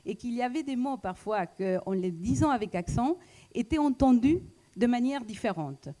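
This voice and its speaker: A woman with a foreign accent giving a reflective public talk, pausing often with fillers and restarts. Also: a little high, lively intonation, dark tone. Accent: foreign accent in French. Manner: hesitant, many fillers and restarts. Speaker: speaker at a talk, economist.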